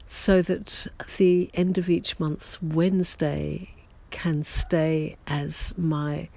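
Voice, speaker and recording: A writer with a mid-range, gravelly voice records a relaxed audio diary, speaking slowly to longtime listeners with vocal fry and a touch of hoarseness left from a cold as they recover from a lost voice. The personal, reflective chat is gentle and unhurried yet halting, full of pauses, ums and self-corrections.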